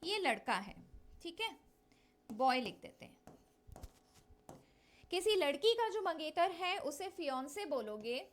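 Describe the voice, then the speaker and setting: A woman's voice: high voice, big pitch swings, slow pace, pauses often, a little hiss or hum. A woman teaching an English grammar lesson for exam prep, mixing Hindi and English, explaining step by step and drilling pronunciation by repeating words. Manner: mixes Hindi and English, addresses students directly.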